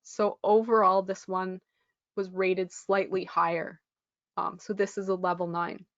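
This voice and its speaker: A woman's voice: medium pitch, little pitch movement, measured pace, no echo, highs cut off. Woman teaching a test prep lesson. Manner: friendly, explanatory, frequent ums. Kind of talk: live online lesson.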